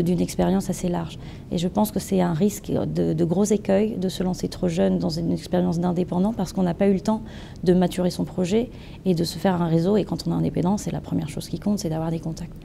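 At a trade fair stand with a branded backdrop indoors, an entrepreneur in her thirties answers interview questions animatedly, gesturing with her hands and playing with words. Her voice is on the low side and creaky, with slight background noise.

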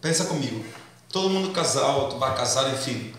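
A man's voice: mid-range voice, animated, moderate pace, a bit bright, a little hiss or hum. A man preaching a sermon in church in a casual, slangy way, quizzing the congregation and acting out comic scenes. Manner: acts out comic skits. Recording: echoey church hall, distant mic.

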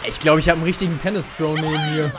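Excitable young man streaming a game. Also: on the high side. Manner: excitable, jokey, with sudden shouts. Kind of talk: casual let's-play commentary to chat.

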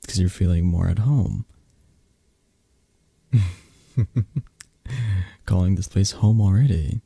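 A man voices a possessive yet tender mafia boss lover in intimate roleplay ASMR, murmuring softly and hesitantly in a breathy, gravelly voice. He sits low and speaks slowly with no echo, in full character, his mood teasing and gentle.

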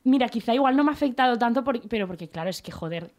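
Animated young woman co-host, higher voice. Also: very fast. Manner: lively, acts out quoted relatives. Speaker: podcast co-host. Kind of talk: casual comedic chat. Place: radio studio.

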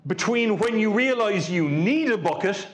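A man's voice: sits high, lively intonation, moderate pace, crowd noise. Dry-humored Irish man giving a talk. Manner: dry, joking storyteller. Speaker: conference speaker. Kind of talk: lightning talk at a tech meetup.

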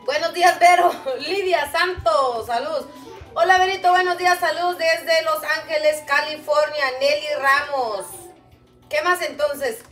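High-voiced Guatemalan woman, chatty livestream host. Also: measured pace, soft background music. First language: Chuj. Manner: warm, chatty, calls viewers "mamita". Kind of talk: casual livestream chat reading viewer comments. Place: home kitchen, indoors. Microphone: camera a little way off. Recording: echoey kitchen, distant mic.

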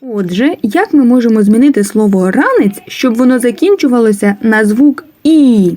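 Slow, sing-song teacher woman. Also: mid-range voice, darkish tone. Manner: coaxing, asks questions and pauses for answers. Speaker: kindergarten teacher. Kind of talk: slow, lively lesson for young children.

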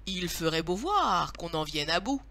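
A woman's voice: on the low side, sing-song, a little slow, pushed and bright, full character voice. A woman voicing a firm, no-nonsense mother rabbit in a storybook.

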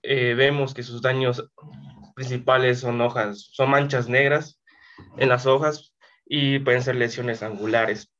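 A male student giving a polite, somewhat halting class presentation over a video call. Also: medium pitch, fairly even intonation, a bit bright. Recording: dull lo-fi call audio.

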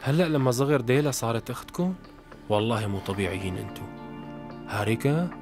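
A man's voice: mid-range voice, fast, over music, natural voice. A man dubbing a sarcastic teenage schoolboy in a TV drama. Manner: sarcastic, needling. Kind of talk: dubbed TV drama.

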